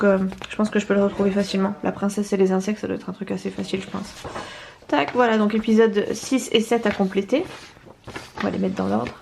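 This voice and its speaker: A woman's voice: medium pitch, vocal fry. A woman chatting informally to her vlog viewers, rambling and often cutting herself off, recorded in a bathroom at home. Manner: informal, rambling, self-interrupting. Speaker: family vlogger, mother. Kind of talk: casual vlog chat to viewers. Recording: noisy home recording with clicks.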